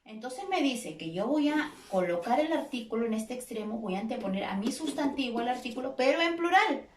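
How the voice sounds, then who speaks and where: Lively woman teacher, echoey room. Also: fairly high pitch, a little fast, recorded from a distance. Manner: patient, checks in with frequent tag questions. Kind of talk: recorded grammar lesson. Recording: echoey room, speaker away from mic.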